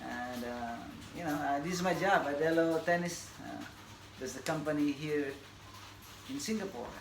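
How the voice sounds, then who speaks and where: A Filipino tennis coach in his forties, whose first language is Bisaya, introduces himself to the camera in a halting, casual manner, full of fillers and laughter. His voice is a little high. The room is echoey, and background noise is audible.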